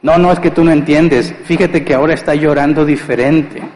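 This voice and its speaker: A man's voice: fairly high pitch, fairly even intonation, brisk, a little mellow, long reverb tail, slight background noise, lightly acted, poor audio. A man voicing an attentive young mother who insists she understands her baby's cries. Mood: insistent. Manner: knowing, matter-of-fact insistence.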